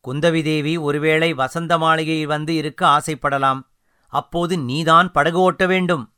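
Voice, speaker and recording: A man's voice: fairly high pitch, steady tone, a little slow, bright, forceful tone, clear, resonant tone, no echo, studio quality. A man voicing an older emperor who gives firm, kindly orders to a boatman, in an audiobook reading. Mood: commanding.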